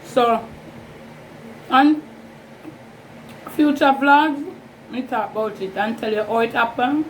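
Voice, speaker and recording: A woman with a Jamaican accent chatting casually and informally in a rambling, unhurried way, as a vlogger hosting an eating show. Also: on the high side, rough recording. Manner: unhurried, informal Creole-inflected phrasing, rambling. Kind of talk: casual mukbang chat. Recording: steady fan noise in background. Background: whirring fan.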